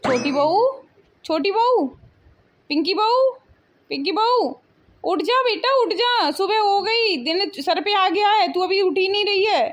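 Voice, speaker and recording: Cartoon: nagging elderly mother-in-law, high-pitched and scolding. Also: expressive, takes it slowly, pauses often, full character voice. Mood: bossy. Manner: scolding, complaining.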